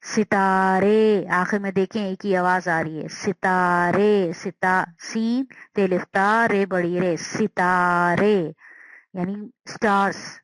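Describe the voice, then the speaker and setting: A woman teacher giving a slow, patient language lesson, sounding out words and repeating them. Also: mid-range voice, fairly even intonation, no room sound, rough recording.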